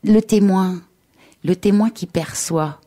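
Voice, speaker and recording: A woman hosting a radio interview, calm and reflective, encouraging her guest. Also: mid-range voice, slow pace. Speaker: radio host, yoga therapist.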